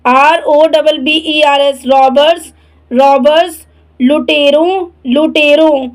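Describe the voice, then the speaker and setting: A woman's voice: sits high, fairly even intonation, slow, poor audio. A woman teaching English vocabulary, spelling each word out letter by letter, then saying it twice and giving its meaning. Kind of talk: spelling and translating word lesson.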